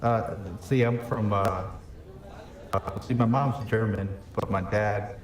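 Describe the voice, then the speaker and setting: Speaking slowly in a lowish, fairly level voice, a man improvises a young New York mafia hitman over game voice chat. He sounds boastful as he rambles and hesitates through his backstory, filling it with "you know." The mic is distant and the sound reverberant.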